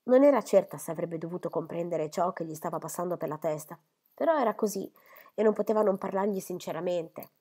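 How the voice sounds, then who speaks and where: A woman reading a classic novel aloud in a measured, steady narration. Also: on the low side, slightly rough. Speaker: audiobook reader. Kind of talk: scripted narration.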